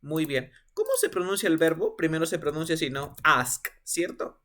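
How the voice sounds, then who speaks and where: A man teaching an online English pronunciation class. His voice sits a touch high, and he keeps asking questions and drills each word by repeating it patiently. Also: quick pace. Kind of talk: online class, calling on students.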